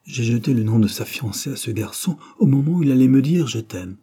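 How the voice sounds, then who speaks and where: A man's voice: medium pitch, expressive, fairly quick, dark tone, slightly rough. A man reading the lines of a lovesick, impulsive young countess in an audiobook, lifting his voice a little and sounding eager.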